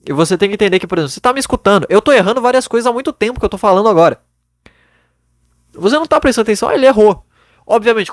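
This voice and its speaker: Animated, blunt young man giving advice. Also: high voice, no echo, studio quality. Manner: blunt, animated, swears casually. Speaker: podcast host. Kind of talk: casual advice monologue. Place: his bedroom. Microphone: podcast microphone.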